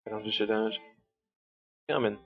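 A man's voice: lowish voice, steady tone, a little fast, vocal fry. Joking young man gaming chat. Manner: joking, swears casually. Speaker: gamer. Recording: dull lo-fi stream audio.

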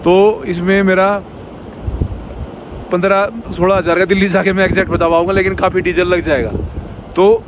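A man's voice: high-pitched, steady tone, moderate pace, long pauses. A man in his thirties, a travel vlogger, talking casually into a phone held at arm's length outdoors on a mountain road. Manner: chatty, easygoing, says "bhai" often. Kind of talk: casual vlog talk. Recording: faint outdoor noise.

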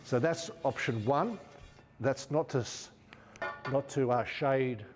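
In a spacious indoor showroom, an outdoor gear presenter, an Australian man in his fifties, talks casually and takes his time as he demonstrates equipment hands-on. His pitch is medium, the sound is that of a large hall, and music plays in the background.

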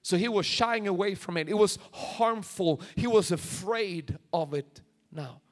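A Swedish pastor in his forties, a man with a high, unhurried voice, preaches a sermon from a large church stage into a handheld microphone. He acts out prayers and quotations, his intensity steadily rising.

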